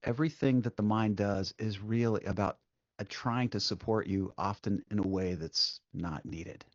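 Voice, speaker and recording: A man guides a meditation in a gentle, soothing, unhurried voice on the low side, leaving long pauses between short instructions. The recording is dry, with the highs cut off.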